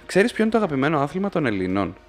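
A man's voice: on the high side, very animated. A man co-hosting a casual satirical podcast chat in a studio, talking in a teasing, sarcastic way. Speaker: podcast co-host.

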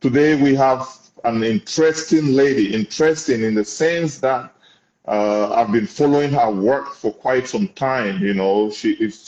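A man's voice: medium pitch, darkish tone. A man hosting a casual online interview, speaking in an encouraging, complimentary way. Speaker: host of a business interview show. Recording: muffled audio in an echoey room.

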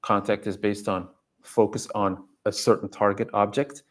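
This Belgian man, a dog trainer and coach appearing as a podcast guest, speaks English as a non-native language. His voice is lowish and level, delivered at a normal speed. In casual conversation he explains things at length and with emphasis.

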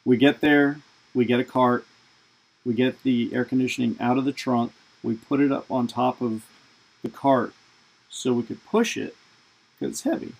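A man's voice: medium pitch, moderate pace, vocal fry, pauses often, breathy edge, rough recording. A man hosting a podcast, telling a funny personal story in a casual, rambling way. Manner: casual, rambling, lots of fillers. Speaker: podcast host. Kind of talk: storytelling monologue.

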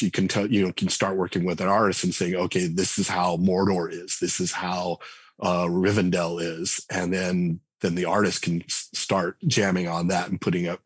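Here a game writer and designer talks as a guest on a podcast, his low voice carrying a breathy edge in a dry recording. The conversational interview finds him musing in a rambling way, often restarting and using fillers.

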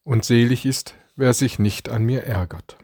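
Male preacher, unhurried scripted devotional reading, dry booth-like sound. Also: medium pitch, darkish tone, no room sound. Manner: slow, deliberate reading with dramatic quoted lines. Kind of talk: read Advent devotion.

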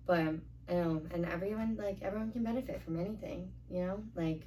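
A young woman talks in loose, rambling casual chat, filling every gap with "like" and dropping the odd swear word. Her voice sits a little low and reaches the mic from a short distance away, with a faint hiss of noise underneath. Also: a little fast, dark tone.

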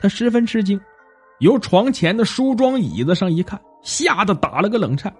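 A man narrating a folk tale in an animated, expressive way. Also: sits high, slightly rough. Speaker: storyteller.

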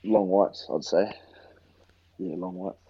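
A man's voice: deep voice, fairly even intonation, takes it slowly, breathy edge, highs cut off. A young man with a broad New Zealand accent, answering interview questions casually in short, slangy phrases. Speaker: interview guest, rugby player. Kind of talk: casual chat.

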